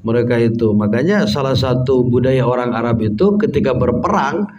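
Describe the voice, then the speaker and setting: A man with a Sundanese accent, an Islamic preacher giving an unhurried, chatty religious study lecture, sometimes mimicking local dialects. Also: medium pitch, animated, a little mellow. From West Java, Indonesia. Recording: distant mic, dull lo-fi sound, faint background hum.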